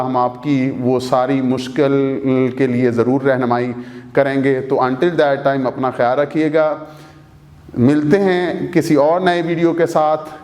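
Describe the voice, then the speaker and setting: A male language teacher with a Pakistani Urdu accent, drilling each word slowly and repeating it several times. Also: medium pitch, a little mellow. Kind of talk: slow, repetitive lesson. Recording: echoey room.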